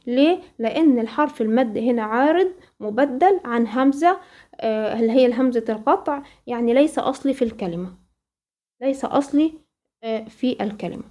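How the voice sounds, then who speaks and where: A woman with an Egyptian accent teaching a Quran recitation lesson, asking questions and then answering them, and slowly reciting the examples. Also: fairly high pitch, lively intonation, mellow, lo-fi sound. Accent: Egyptian Arabic. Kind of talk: tajweed lesson.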